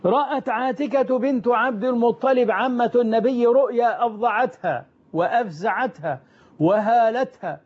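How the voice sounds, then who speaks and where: High-voiced man telling a story. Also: normal speed. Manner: emphatic, repeats and rephrases lines for effect. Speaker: religious storyteller. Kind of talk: retelling early Islamic history. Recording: dull lo-fi recording.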